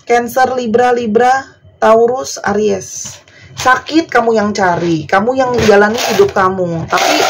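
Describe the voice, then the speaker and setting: A woman's voice: mid-range voice, slight background noise. A woman tarot reader talking to her viewers in a casual, chatty, pleading way. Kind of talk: casual vlog monologue.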